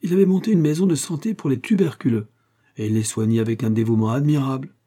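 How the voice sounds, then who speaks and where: A man's voice: medium pitch, fast talker, dark tone, voice pushed up, lightly acted. A man voicing a talkative middle-aged village carpenter who gushes eagerly. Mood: enthusiastic.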